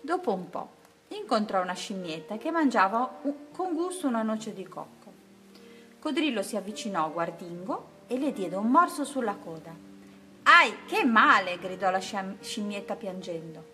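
Gentle woman reading a picture book. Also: mid-range voice, lively intonation, moderate pace. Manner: gentle, rhythmic, rhyming delivery. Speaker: storyteller. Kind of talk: children's picture-book read-aloud.

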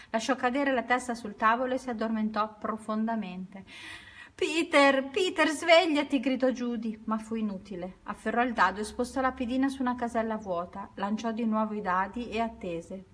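A woman reads a children's story aloud in a mid-range voice. Her delivery is steady and unhurried, with small self-corrections along the way. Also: mid-range voice.

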